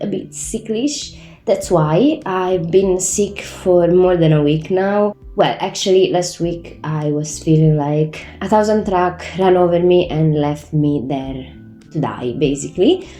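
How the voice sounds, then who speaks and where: Recorded in a reverberant room at home with her new mic, this Sims-building channel host speaks in a lowish, dark-toned voice. She's a native Italian speaker who sounds congested from a cold. Her casual chat is chatty, with frequent self-corrections.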